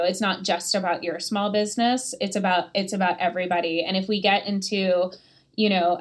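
A woman talks loosely on a podcast. Her voice sits at a middle pitch. She leans on "like" and "um" as she chats. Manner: chatty, lots of likes and fillers. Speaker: podcast co-host, PR agency. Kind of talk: casual podcast chat.

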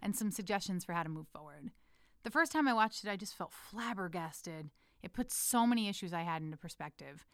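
A woman's voice: lowish voice, animated, fairly quick, a bit bright, no echo, studio quality. A woman from the United States reading her personal letter aloud, intimate and playful, calling the listener her love. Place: lives in Amsterdam.

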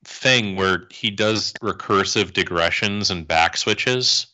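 A man's voice: low voice, bright, forceful tone. A man co-hosting a casual political podcast, making sardonic and mocking remarks. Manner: sardonic, mocking, quick quips. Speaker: podcast co-host.

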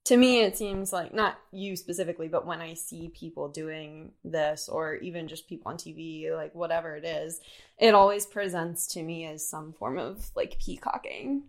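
Low-voiced woman asking thoughtful questions. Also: normal speed. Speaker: podcast host. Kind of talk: casual conversation.

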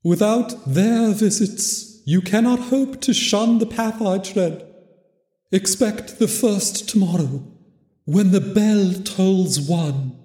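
A man voicing a mournful male ghost in chains, solemn and drawn-out, with an echoing reverb effect. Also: sits high, warm tone, pitched above the performer's own voice. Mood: solemn warning. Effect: hall reverb. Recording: long echoey reverb.

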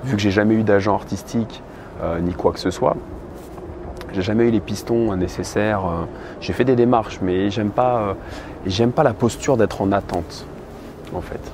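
This casual vlog monologue comes from a thirtysomething man holding a camera outdoors on a crowded city street. His voice sits fairly low and runs at normal speed, and his manner is blunt, candid and heavy on filler words. Traffic and street noise are plainly audible beneath all of his speech.

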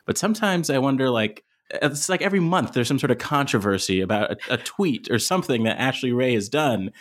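A man's voice: medium pitch, animated, brisk, fairly bright tone. A man hosting a podcast interview in an easygoing, casual way. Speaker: podcast host.

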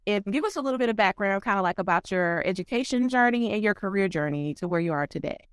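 A woman hosting a podcast who asks measured, polite questions. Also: medium pitch, expressive, clean tone, dry recording, studio quality. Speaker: podcast host. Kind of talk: interview questions.

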